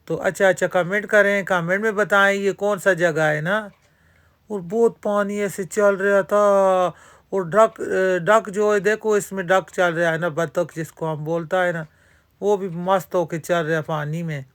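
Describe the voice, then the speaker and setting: A woman's voice: fairly low pitch, steady tone. A woman narrating a casual vlog from an outdoor amusement park. She talks straight to her viewers and fills her talk with religious phrases. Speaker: vlogger.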